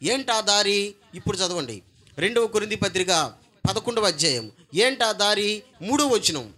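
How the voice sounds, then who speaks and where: A man preaching a sermon as pastor, calling on the congregation to answer loudly. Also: sits high, very animated, normal speed. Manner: call-and-response, demanding congregation repeat loudly; emphatic, swings between soft and loud.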